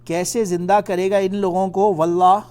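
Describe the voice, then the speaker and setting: A man teaching a Quran study class, explaining patiently and reciting verses slowly. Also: high-pitched, level tone, mellow, clear, resonant tone.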